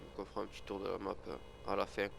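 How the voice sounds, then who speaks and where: This gaming video creator has a cold and keeps sniffling as he rambles through casual commentary on a farming game, full of fillers and restarts. His low-pitched voice is gravelly and monotone, delivered rapid-fire over a noisy background.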